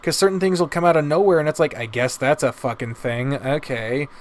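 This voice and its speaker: A video host reviewing visual novels offers casual, opinionated commentary in a slightly high voice at a fairly quick clip, rambling and swearing heavily. There's noticeable background noise.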